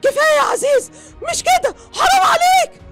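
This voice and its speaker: An older mother in a radio drama, crying out in an Egyptian accent to defend her son. Her voice sits very high and moves widely. Faint music plays behind her. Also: very animated, normal speed. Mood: pleading. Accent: Egyptian Arabic. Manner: pleading, crying out.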